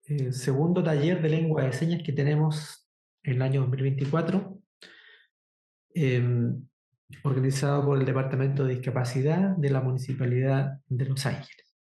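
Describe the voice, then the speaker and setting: Sign language teacher, warm mellow tone, deliberate explanations, checks in with the class often, echoey room. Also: mid-range voice, fairly even intonation. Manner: deliberate explanations with frequent "¿cierto?" check-ins. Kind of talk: workshop lesson.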